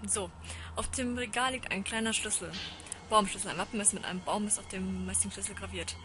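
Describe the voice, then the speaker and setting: A woman's voice: medium pitch, fairly even intonation, fairly quick. A woman commenting casually on a horror game she plays, reading its text aloud and chanting panicky repetitions when scared. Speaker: let's play gamer.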